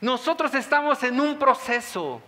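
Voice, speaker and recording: A man's voice: very high voice, lively intonation, moderate pace, pushed and bright. A man preaching a sermon, often putting rhetorical questions to the congregation. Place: church hall. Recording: music under long church reverb.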